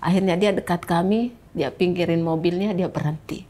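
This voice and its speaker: A woman's voice: lowish voice, normal speed, warm tone. A woman telling her personal story in an interview, speaking to the host as "Kak" and acting out the voices of the people in her story. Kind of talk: emotional personal testimony in an interview.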